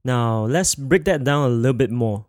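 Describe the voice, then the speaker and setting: A man's voice: mid-range voice, expressive, a little mellow, dry recording, studio quality. Man teaching a podcast language lesson. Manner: slow, clear, repeats words for learners. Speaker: Mandarin teacher.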